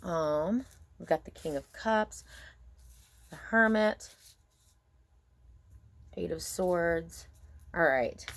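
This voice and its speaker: A woman giving a casual, intimate tarot reading, thinking aloud in a halting, musing way and often checking in with the listener. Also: low voice, vocal fry, a little hiss or hum. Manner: musing, halting, asks herself questions and checks in with "okay?". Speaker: tarot card reader.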